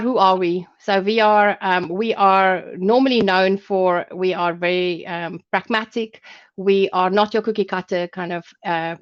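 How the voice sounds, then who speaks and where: A woman born in South Africa presenting a business webinar over a video call, explaining points in a loose, conversational way. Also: lowish voice. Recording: dull lo-fi call audio.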